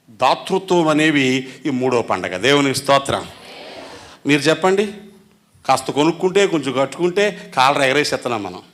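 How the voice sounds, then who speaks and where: A pastor with a Telugu accent preaches a sermon, putting questions to the congregation. He shifts between loud, emphatic lines and soft, low ones.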